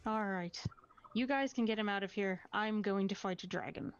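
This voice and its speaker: A woman's voice: medium pitch, normal speed, clear, resonant tone, muffled recording. A woman chatting casually as a player in a tabletop game.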